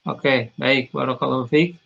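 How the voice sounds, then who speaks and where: A man teaching an online Arabic class over a video call, patient and corrective, often pausing with "eh". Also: mid-range voice, steady tone, creaky, fairly bright tone. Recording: muffled video call audio.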